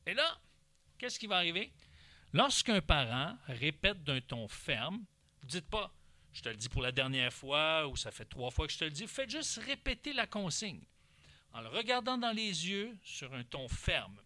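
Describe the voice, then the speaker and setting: With a Québécois French accent, a man gives instructional advice on parenting, speaking animatedly and briefly acting out lines from parent and child. His voice is a little high and moves at a normal speed, with no echo.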